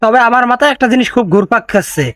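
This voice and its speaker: A man's voice: extremely high pitch, racing, heavy background noise. A man hosting a comedic roast video, teasing and sarcastic in tone. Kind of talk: mocking comedic roast narration.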